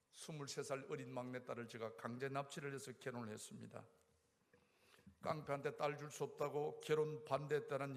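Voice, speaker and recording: A middle-aged man giving an impassioned testimony sermon, moving between loud outbursts and low pleading. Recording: echoey church hall.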